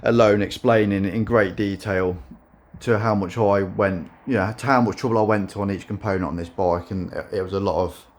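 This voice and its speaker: In a casual vlog, a man with a lowish voice shows off his custom motorbike at a brisk pace. He calls his own delivery monotone, and it's full of fillers and restarts.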